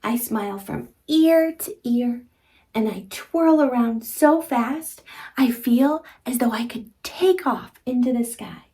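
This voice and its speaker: Woman, young adult, children's read-aloud host; gentle coaxing sing-song delivery, unhurried pace. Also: a little high. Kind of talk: interactive picture-book read-aloud for toddlers.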